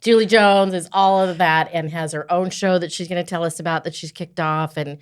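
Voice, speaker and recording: A woman in her sixties hosting a podcast, chatting warmly with her guest and often checking in with "right?". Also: fairly low pitch, steady tone, moderate pace, clear, resonant tone. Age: 60s. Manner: warm, affirming, often says "right?". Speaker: podcast host. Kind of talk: casual interview chat.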